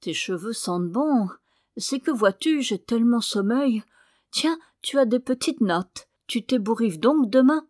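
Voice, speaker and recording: Une femme qui prête sa voix à un jeune mari somnolent et grognon, parlant à moitié endormi. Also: female voice, on the high side, expressive, a little slow, a little mellow, dry recording, studio quality. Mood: drowsy. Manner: drowsy, grumbling. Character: sleepy, grumbling young husband.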